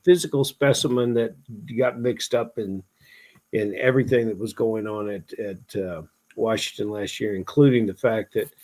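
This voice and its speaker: A man co-hosting a fantasy football podcast, asking long, drawn-out questions in casual chat. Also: lowish voice, steady tone, a little mellow, low-quality recording. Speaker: podcast co-host.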